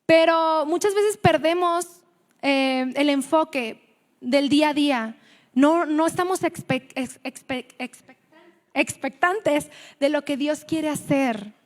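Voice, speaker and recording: A Mexican woman preaches to a women's gathering in a high voice, chatty and storytelling, often restarting her words. Her voice carries a long hall reverb. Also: slow pace. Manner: conversational, storytelling, self-correcting. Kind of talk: sermon at a women's meeting.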